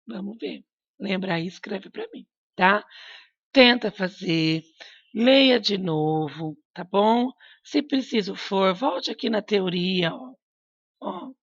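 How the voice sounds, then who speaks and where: A woman's voice: medium pitch, fairly bright tone, dry recording, muffled recording. A woman teacher giving a recorded lesson to young pupils, patient and coaxing, asking them questions and repeating her prompts. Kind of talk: recorded remote class lesson.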